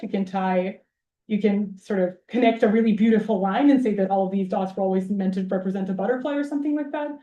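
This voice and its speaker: A mellow, medium-pitched woman's voice comes through a muffled recording with roomy lecture hall acoustics. She is a researcher from Belgrade, Serbia, handling an informal Q&A after her public talk at a university, in a wry, self-deprecating manner.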